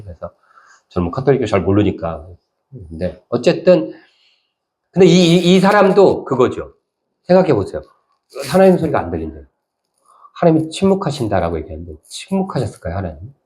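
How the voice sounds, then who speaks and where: A male pastor giving a conversational sermon, telling stories and now and then acting out voices in sudden high bursts. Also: very animated, a little fast, long pauses, darkish tone.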